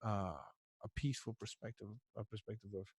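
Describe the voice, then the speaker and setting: A man's voice: fairly low pitch, fairly even intonation, fairly quick, a little mellow, slightly rough, no echo, studio quality. A man born in Ecuador and raised in the US, co-hosting a casual podcast, chatty, laughing often and restarting his phrases. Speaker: podcast co-host. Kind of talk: casual chat.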